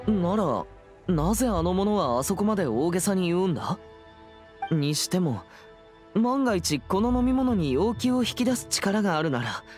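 A man voices a serious, reserved teenage boy exorcist in a Japanese anime game, speaking formally and in a measured way. His voice is high-pitched with a darkish tone.

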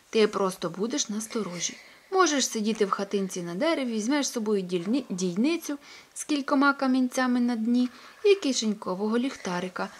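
A woman's voice: mid-range voice, slightly rough. A woman voicing a kindly old farmer in a children's storybook, talking in a fussy, coaxing, grandfatherly way. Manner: fussy, coaxing, scolding at times.

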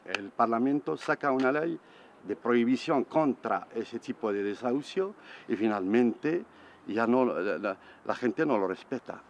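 A man in his forties speaking indignantly on a city street, halting and repeating words as he talks. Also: mid-range voice, lively intonation, slight background noise, rough recording. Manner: halting, repeats words while searching for them; indignant, gestures and points while talking. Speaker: evicted resident interviewed on the street. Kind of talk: street interview. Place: city street outdoors beside a van. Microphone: camera mic at close range.

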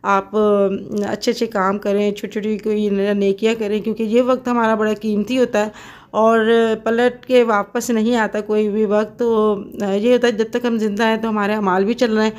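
A woman's voice: medium pitch, flat delivery, normal speed, darkish tone. A middle-aged woman from Pakistan talking casually to her viewers in a home kitchen while cooking, chatty and devout, with many fillers. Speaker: cooking vlogger.

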